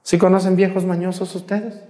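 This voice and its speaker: A priest preaches to his congregation in a fairly high, lively voice, throwing questions at them and teasing them. The church gives his voice a long, lingering reverb. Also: fairly quick. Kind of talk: sermon during mass.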